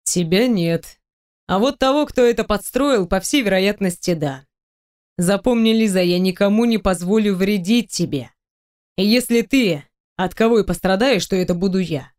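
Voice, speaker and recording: A woman voicing a teasing, domineering male boss in an audiobook, speaking low, slow and mocking. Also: darkish tone, lightly acted. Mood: stern.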